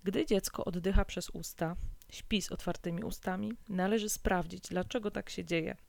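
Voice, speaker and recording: A woman hosting an informative podcast, explaining calmly and steadily. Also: lowish voice, moderate pace, creaky, no room sound. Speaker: podcast host.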